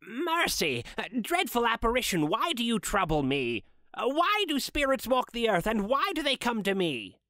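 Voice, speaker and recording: A timid old skinflint, put on by a man, stammers and pleads with a quavering nervousness. His voice sits high and comes out slowly. The sound is close and dry. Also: huge pitch swings, bright, forceful tone, no echo, heavily acted. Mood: terrified. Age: older. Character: frightened old miserly businessman. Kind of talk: dramatized classic story reading.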